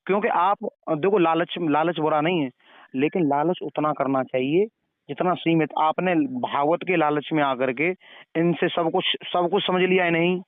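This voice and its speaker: Over a telephone, a man with a fairly high voice moralizes at the person he's called, questioning and advising them and repeating himself. The phone-call recording is dry, narrow and tinny.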